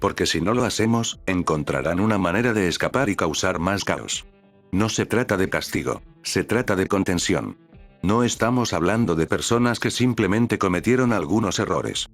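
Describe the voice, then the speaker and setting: A man's voice: sits low, expressive, normal speed, soft background music. A man voicing a bitter, cynical male shadow being who speaks with scorn and swears. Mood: scornful.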